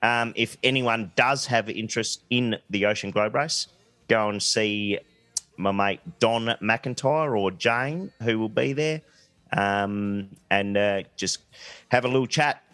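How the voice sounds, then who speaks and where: A man chats casually as a podcast host. He has a somewhat low voice and a blokey, irreverent manner, recorded dry. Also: slow pace, a bit bright, no room sound. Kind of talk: casual chat.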